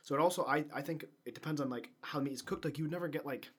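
A man's voice: a little high, rapid-fire, husky. Rambling casual man co-hosting a podcast. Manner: rambling, many fillers and restarts. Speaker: podcast co-host. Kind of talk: casual chat.

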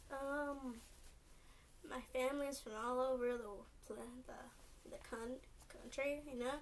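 A woman's voice: high-pitched, little pitch movement, measured pace. A young woman from California with a Californian accent, rambling in a casual solo podcast full of "like" and "um". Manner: rambling, lots of "like" and "um", restarts often. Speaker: podcast host. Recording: distant mic with faint noise.

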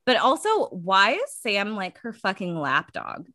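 A woman's voice: medium pitch, huge pitch swings, measured pace, bright, forceful tone, no room sound, clean studio sound. A young woman in casual gossip chat, blunt, profane and exasperated.

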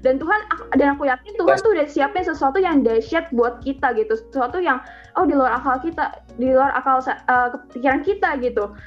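A woman's voice: high voice, expressive, brisk. A teenage girl giving a church testimony in an earnest, chatty way, full of filler tags. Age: teens. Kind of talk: church testimony, casual storytelling. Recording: muffled lo-fi audio with faint music.

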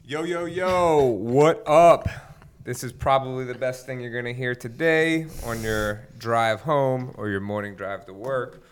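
A man's voice: mid-range voice, normal speed, hardly any pauses, a bit bright, clean tone. A man co-hosting a casual fitness podcast, joking and upbeat as he leads the segments. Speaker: podcast co-host.

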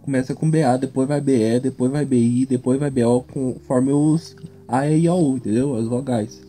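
A man's voice: mid-range voice, steady tone, normal speed, mellow, faint music behind. A man in casual chat, patiently explaining in a drawling way.

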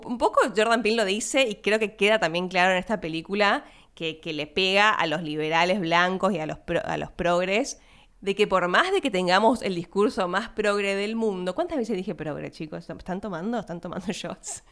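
A young Argentine woman, not from Buenos Aires, hosting a podcast and chatting casually about a film, laughing and speaking quick asides to her listeners. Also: on the low side, fairly bright tone, clean tone. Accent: Argentine Spanish, not Buenos Aires. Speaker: podcast host.

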